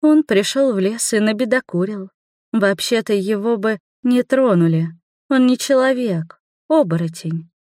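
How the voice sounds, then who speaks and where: A woman voicing a stern, ancient female swamp spirit who speaks slowly and coldly. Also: mid-range voice, darkish tone, no echo, clean studio sound, pitched above the performer's own voice, natural voice.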